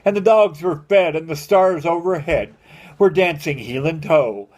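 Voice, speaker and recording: Older male, high voice, homespun grandfatherly verse reader with a theatrical, sing-song storyteller's rhythm. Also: a little slow, darkish tone. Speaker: grandfather reading a poem aloud to family. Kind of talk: dramatic amateur poem recitation.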